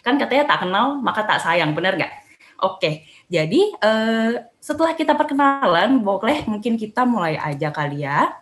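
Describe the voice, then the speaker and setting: A woman's voice: medium pitch, big pitch swings, moderate pace, a bit bright, roomy sound. A young woman teaching a beginner Mandarin lesson online, chatty and cheerful, sounding out tones aloud.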